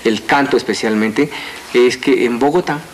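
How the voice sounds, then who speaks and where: A man's voice: medium pitch, normal speed, slight background noise. A man, a voice coach, explaining his craft in an earnest, lecturing way. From Colombia. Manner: earnest, lecturing, lists things out. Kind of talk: TV interview.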